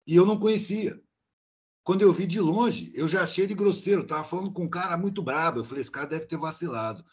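A blunt older man tells a long story on a video call in a slangy, casual way. His voice sits fairly high for a man. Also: fast talker. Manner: blunt and slangy, peppered with "mano". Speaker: meeting participant.

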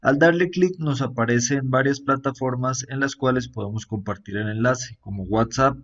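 This app reviewer, a man, narrates a screen-captured tour in an unhurried voice of moderate pitch. Filler-word pauses and tacked-on questioning asides run through his easygoing delivery, and the sound quality is somewhat muffled and flat.

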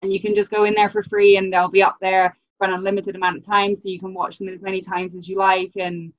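A woman's voice: medium pitch, level tone, fast, no echo. A young British woman in her twenties, a ski coach, chatting casually on a video call with lots of fillers. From Britain. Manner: chatty, many "um" and "like" fillers, laughs often. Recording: dull lo-fi video call audio.

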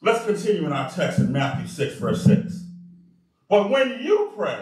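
A male pastor preaching a sermon in an animated way, calling out to the congregation for responses. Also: high voice, normal speed. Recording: very echoey room, mic far off.

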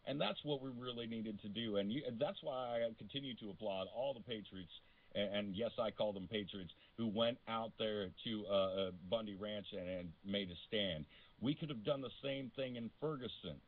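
A man's voice: fairly low pitch, moderate pace. Outspoken American man on a phone-like line. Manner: emphatic, outspoken. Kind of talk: casual opinionated talk radio.

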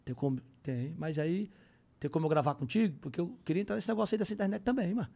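Gravelly man. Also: a little high, fast. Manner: animated, slangy, bursts into singing parodies. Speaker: podcast guest, comedian. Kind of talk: casual storytelling chat.

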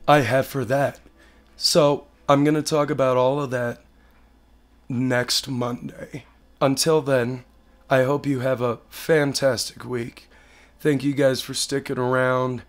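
Hoarse man with a half-lost voice. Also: mid-range voice, little pitch movement, slow pace. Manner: blunt, sweary, self-deprecating. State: hoarse, voice partly lost from a chest infection. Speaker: podcast host. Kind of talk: casual solo update to camera. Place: living room at home.

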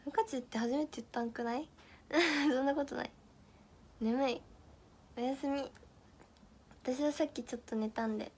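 A woman's voice: high voice, moderate pace, long pauses, darkish tone. A young woman from northeastern Japan chatting casually on a livestream, reading viewer comments, giggling and fumbling through tongue twisters. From Miyagi, Japan. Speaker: idol livestream host.

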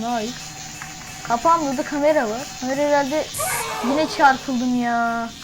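A woman commenting on her gameplay as she plays, chatty and thinking aloud, with quick startled exclamations. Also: sits high, low-quality recording. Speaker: gaming channel host.

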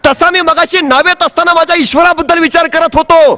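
A man quoting a calm unshakable husband. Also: very high-pitched, brisk.

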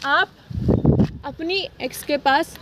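A woman's voice: high voice, takes it slowly, very noisy. A woman in a heated casual argument with her boyfriend, tearful, hurt and insisting again and again. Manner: insistent, hurt and repeating herself. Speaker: girlfriend being pranked.

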